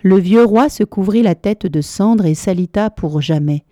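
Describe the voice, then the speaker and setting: Female storyteller, mellow and measured, lilting delivery, dry booth sound. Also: mid-range voice, dry recording. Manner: measured, lilting, dramatic pauses. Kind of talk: storybook narration.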